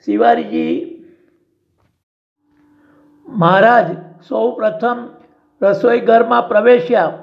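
A man narrating a story in a steady, dramatic storytelling manner, with a dull lo-fi sound. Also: very high-pitched, takes it slowly, creaky, pauses often. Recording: dull lo-fi recording.

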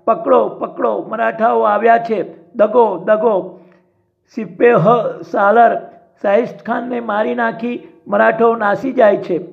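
A man voicing alarmed male soldiers who call out in drawn-out shouts, with a dull lo-fi sound. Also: extremely high pitch, steady tone, vocal fry, exaggerated voice. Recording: dull lo-fi recording.

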